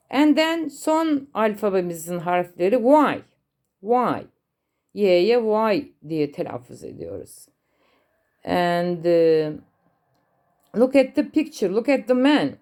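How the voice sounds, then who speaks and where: A female English teacher with a Turkish accent and a mid-range, darkish voice explains simple adjectives in Turkish. She emphasizes English examples, saying them slowly and repeatedly for learners.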